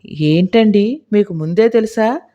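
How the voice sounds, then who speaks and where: A woman reading an audiobook voices a scolding middle-aged village housewife with a shrill, indignant, nagging delivery. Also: a little slow, mellow, muffled recording, close to an everyday voice.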